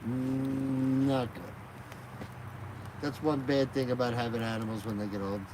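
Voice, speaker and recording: There's background noise as a man talks a little slowly in a level, medium-pitched voice during a live stream. Filming on a gimbal-mounted phone by a nighttime fire outdoors, he rambles, chats casually, and laughs easily.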